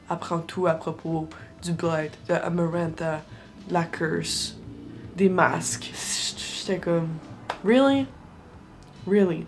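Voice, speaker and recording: A young adult woman with a Québécois French accent, talking casually and with strong opinions as a book vlogger, slipping English phrases into her French. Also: medium pitch. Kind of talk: casual reading-reaction vlog.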